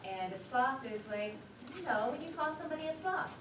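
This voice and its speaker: On a theater stage, an actress performs a live one-act play as a scatterbrained, chatty wife who dithers yet stays sure of herself. Her high-pitched, expressive voice is brisk, breezy and emphatically theatrical. The recording is roomy, noisy and distant, picked up from afar.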